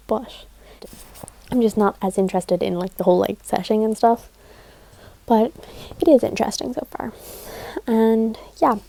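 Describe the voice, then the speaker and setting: On a low-quality recording, a young adult book vlogger chats casually about what she read this week. She has a mid-range voice and rambles, dropping lots of "like" fillers and little soft laughs.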